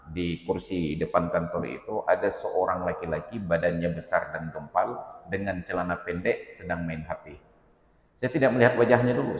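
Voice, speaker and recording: A man with an Acehnese accent preaching a sermon, stern and emphatic, telling stories. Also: low-pitched. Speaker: Islamic preacher. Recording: echoey reverberant hall.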